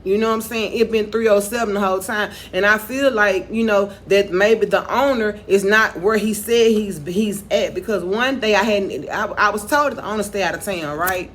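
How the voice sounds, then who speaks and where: A woman vlogging in a loose, rambling monologue. She repeats herself, restarts her sentences and keeps saying "you know." Her voice sits at a middling pitch. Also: normal speed, hardly any pauses, slight background noise. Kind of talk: casual monologue to camera.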